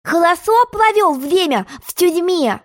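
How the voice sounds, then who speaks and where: A woman voicing a nosy, quick-tempered male messenger in a storybook. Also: extremely high pitch, expressive, voice pushed up. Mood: pushy. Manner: pushy, prying, quick-tempered. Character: bossy chatty male royal messenger. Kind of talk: storybook narration.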